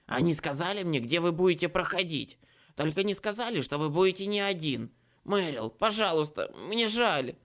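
A man's voice: high-pitched, animated, normal speed, a bit bright, pitched above the performer's own voice. A man voicing a bearded, cowardly male changeling who pleads frantically in an audiobook. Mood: desperate. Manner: pleading, frantic, near sobbing. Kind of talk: audiobook character voice.

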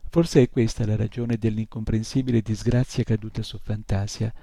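A tiny male creature from a storybook speaks politely and with a little self-importance, as a man voices him. The voice is dark and gravelly. It sounds dry and close. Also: on the low side, flat delivery, normal speed, no room sound. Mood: polite, earnest.

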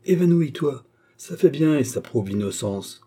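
A man voicing a brash young male rascal in an audiobook, cool-headed and insolent, bursting into loud cries. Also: medium pitch, expressive, measured pace, husky, voice pushed up. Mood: bold.

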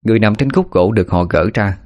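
A man narrating a story at a steady, even pace. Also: fairly low pitch, fast talker. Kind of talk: scripted narration. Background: faint music.

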